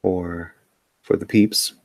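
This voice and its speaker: A man's voice: deep voice, fairly even intonation, slow pace, gravelly, dry recording, studio quality. A middle-aged man with a New York accent, chatting casually and playfully on a live stream as he draws, rambling and repeating his phrases. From the Bronx, New York. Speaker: artist hosting a live drawing stream. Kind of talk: casual live-stream chat while drawing. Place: indoors at a tabletop.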